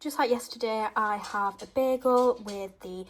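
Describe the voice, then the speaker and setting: A woman's voice: on the high side, measured pace. Chatty woman on a noisy walk. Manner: chatty, rambling, lots of ums. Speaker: vlogger. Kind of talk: casual vlog chat. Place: outdoors on a walk, then at home.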